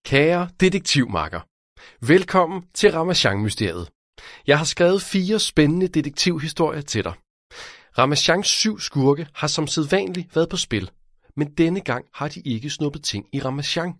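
A man's voice: on the high side, dry recording, studio quality. A man, the author, narrating his own children's detective audiobook and speaking directly to a young listener. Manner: lively, addressing a child listener.

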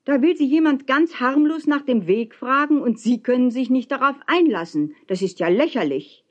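A woman voicing a hot-tempered young teacher who shouts back in an indignant way. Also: medium pitch, huge pitch swings, measured pace, dull audio. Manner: shouting over wind, indignant.

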